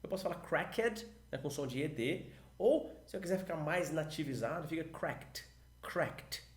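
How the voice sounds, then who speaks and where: A Brazilian man who used to be an examiner teaches radio phrases for a pilots' English test. He coaches as he talks and says the model phrases slowly. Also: fairly high pitch, lively intonation, echoey room. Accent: Brazilian Portuguese. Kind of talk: explanatory lesson, talking to camera.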